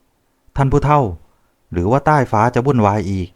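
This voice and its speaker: A cheeky young nobleman flatters and wheedles in a bright, raised voice, as a male audiobook narrator acts him out. The tone sits well above the reader's own low register, eager and shameless. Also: brisk, lightly acted. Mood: fawning.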